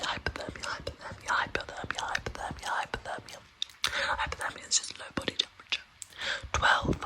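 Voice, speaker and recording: Someone reading aloud for ASMR in a breathy, unvoiced whisper, softly repeating words and phrases and adding casual asides. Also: poor audio. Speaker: ASMR host reading a medical handbook aloud.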